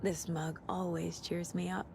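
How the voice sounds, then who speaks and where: Brief: composed female FBI agent in a video game, measured and calm, lowish voice. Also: gravelly, over music. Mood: musing. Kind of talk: video game dialogue and inner monologue.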